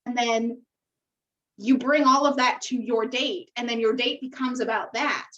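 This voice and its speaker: In a casual podcast chat about a TV dating show, an American woman co-host speaks emphatically, using slang and swearing. Her voice is a little high and fairly bright, unhurried, with the highs cut off in the recording.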